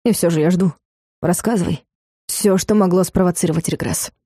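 A woman voicing a middle-aged father who is calm, probing and mildly ironic. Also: fairly low pitch, normal speed, breathy edge, no room sound, studio quality.

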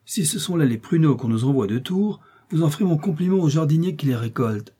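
A man reading aloud and voicing a bold young male swordsman with a lively, bantering delivery. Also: on the high side, fairly quick, breathy edge, voice pushed up. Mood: teasing.

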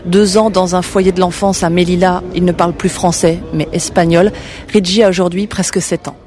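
A woman radio reporter narrating a scripted news story in a measured, narrative way. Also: on the low side, flat delivery, darkish tone.

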